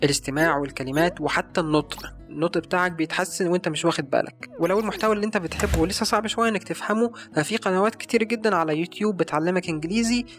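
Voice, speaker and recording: Egyptian guy talking super fast about learning tips, kinda high voice, faint music behind. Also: fairly bright tone. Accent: Egyptian Arabic. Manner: rapid, earnest recommending. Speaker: language-learning YouTuber. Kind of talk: casual advice video.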